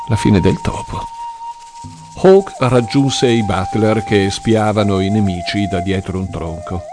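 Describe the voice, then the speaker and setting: Expressive male audiobook narrator with a tense delivery, music bed behind. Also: fairly low pitch.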